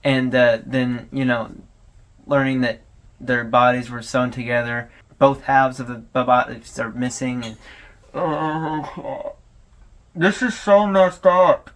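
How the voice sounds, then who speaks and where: A man with a mid-range voice and steady tone talks at a slow pace as host of a horror series analysis video. He keeps the commentary casual and chatty, with pauses and informal side remarks.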